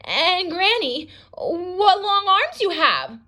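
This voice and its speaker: A woman's voice: very high-pitched, sing-song, takes it slowly, bright, forceful tone, voice pushed up, full character voice. A woman voicing a sweet, trusting little fairy-tale girl, with an earnest, innocent way of speaking. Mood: nervous.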